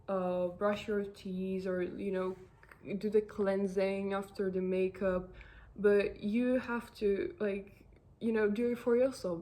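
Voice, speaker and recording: A woman's voice: mid-range voice, a little mellow. Woman, vlogger, casual self-help talk, rambling, lots of fillers, earnest, encouraging. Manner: rambling, heavy on fillers and restarts. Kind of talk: casual advice talk to camera.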